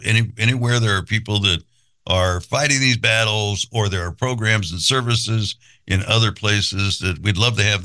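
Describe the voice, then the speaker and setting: Male interview host, fairly low voice, bright tone, hesitant delivery full of fillers. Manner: halting, many fillers and restarts. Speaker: podcast host. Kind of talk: casual interview.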